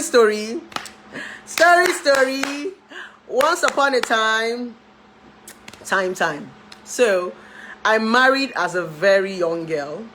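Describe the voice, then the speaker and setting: A Nigerian-accented woman in her thirties, a relationship therapist, chats casually to camera with her followers about her life, laughing often and slipping into pidgin. Her voice is fairly high and fairly bright. The recording is low quality, with slight background noise.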